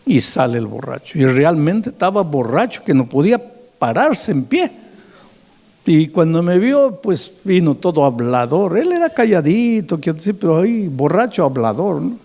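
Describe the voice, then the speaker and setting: A male preacher, telling a sermon story in a lively way. His voice is gravelly and sits somewhat high. It rises sharply when he stresses a point. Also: normal speed. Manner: animated storyteller, voice climbing high on emphasis. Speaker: pastor.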